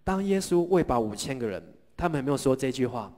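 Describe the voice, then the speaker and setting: A middle-aged male pastor delivers a sermon in a mid-pitched voice. He tells the story with lively energy, asks the congregation questions and leads them in call-and-response lines. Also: fast talker.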